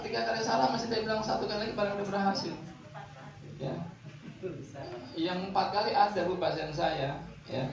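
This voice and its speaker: A man delivers a lively, rhetorical training lecture, repeatedly checking that his listeners follow. His voice sits a bit high for a man. The recording sounds dull and distant, caught in a very echoey hall with faint noise behind it. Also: creaky. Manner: lively, rhetorical, quizzing the audience. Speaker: back-massage trainer.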